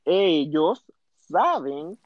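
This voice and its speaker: A man co-hosts a comic podcast with a lively, swooping voice, full of theatrical mockery. He acts out other people's lines in exaggerated tones. The recording sounds dry and a little dull, with no room echo. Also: on the high side, very slow. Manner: theatrical, mocking, plays voices of others in quotes. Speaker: podcast co-host. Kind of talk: comic mock advice chat.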